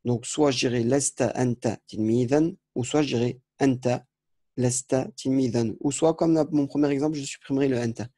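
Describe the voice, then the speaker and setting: A man's voice: medium pitch, steady tone, normal speed, dark tone, no echo, studio quality. A man teaching a recorded grammar lesson, explaining step by step, often repeating words and correcting himself.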